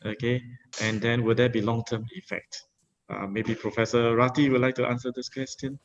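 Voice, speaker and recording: A man's voice: mid-range voice, level tone, a little hiss or hum. Male moderator reading out questions. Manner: brisk, reads questions aloud, hands over to panelists. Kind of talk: reading audience questions in a webinar. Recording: dull video call audio.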